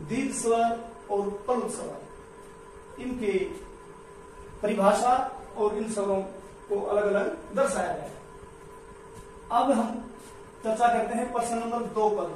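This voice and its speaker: Male grammar teacher, very high voice, slow and deliberate, repeats every definition; heavy room echo, mic far off. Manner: repeats each definition slowly, step by step. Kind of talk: slow explanatory lesson. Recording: echoey room, mic far off, faint noise.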